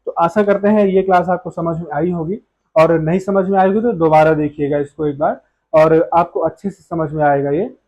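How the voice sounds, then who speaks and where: A man's voice: fairly high pitch, normal speed, a little mellow, dull audio. A man teaching a grammar lesson, explaining step by step and answering his own questions.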